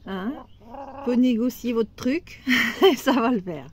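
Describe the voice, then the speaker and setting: Woman sweet-talking her hens outside, highish voice, slow and easy. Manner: affectionate, coaxing talk to her hens. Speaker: home vlogger. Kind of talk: casual vlog chat. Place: outdoor chicken coop.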